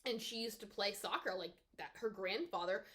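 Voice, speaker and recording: A woman from the American South giving a casual, chatty spoken book review with expressive pitch jumps. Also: normal speed.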